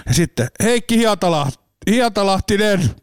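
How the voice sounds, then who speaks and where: Tell it as a man hosting a casual talk show, animated and full of impressions, with a slightly sore throat. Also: high voice, clean tone, clean studio sound. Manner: animated, mimics voices and echoes in his stories. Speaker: podcast host. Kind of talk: casual chat, storytelling. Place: studio.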